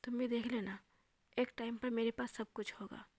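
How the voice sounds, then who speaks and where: Brief: a woman doing a proud, cornered young man, higher voice, close and dry. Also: fairly even intonation, moderate pace, darkish tone, no echo, natural voice. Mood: defiant. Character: desperate young man, proud but pleading.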